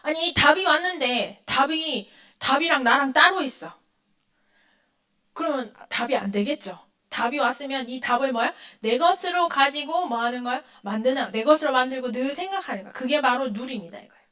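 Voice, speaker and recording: A woman delivers a sermon to teenagers in a youth group, posing questions to her listeners and then answering them herself. She acts out quoted lines in a dramatic voice. Her voice sits high with lively intonation, at a moderate pace, and sounds bright and forceful.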